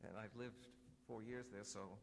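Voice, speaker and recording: Male panel moderator, mid pitch, measured and dryly humorous; recorded in a reverberant hall with faint room noise. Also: steady tone, gravelly. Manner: dry wry humor, measured delivery with self-corrections. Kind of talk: academic panel introduction and lecture. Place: conference room.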